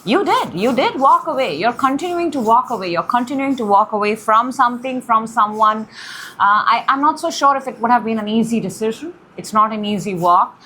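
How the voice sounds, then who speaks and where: A fairly high-voiced young woman hosts a tarot reading from her home, gushing and excitable. She jumps from loud bursts to soft murmurs. A faint hiss of room ambience sits behind her. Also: fairly quick. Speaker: tarot reader, channel host. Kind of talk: casual tarot reading to camera.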